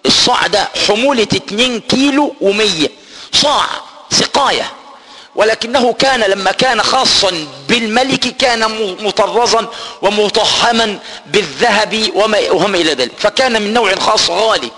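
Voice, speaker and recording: A man teaches scripture in a very high, bright voice. He retells the story, explains the old words and slowly chants the verses. Long reverb from a hall trails behind him. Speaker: Quran teacher. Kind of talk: Quran exegesis lesson.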